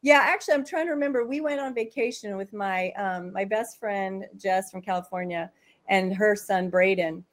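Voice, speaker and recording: A woman guest on a podcast, chatting casually and telling animated stories about her kids. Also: mid-range voice, normal speed. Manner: animated storyteller, acts out voices. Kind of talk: casual chat.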